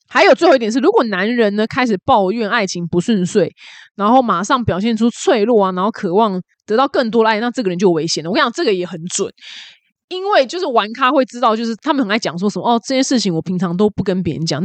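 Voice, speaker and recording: A woman's voice: mid-range voice, no echo. A young adult woman host, chatting casually with gossipy, emphatic asides.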